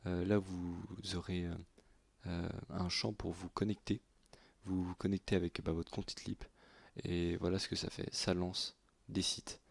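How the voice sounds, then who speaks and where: Low gravelly man. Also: level tone, no echo. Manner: halting, many fillers and self-corrections. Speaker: YouTube tutorial host. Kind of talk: screen-recorded software tutorial.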